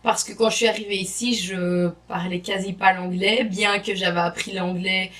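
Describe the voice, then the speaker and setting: A woman's voice: mid-range voice, fairly even intonation, moderate pace, a bit bright, slight background noise. A young woman, chatting enthusiastically to camera as an exchange student vlogger. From Belgium. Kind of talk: casual vlog to camera. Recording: voice a bit distant from the mic.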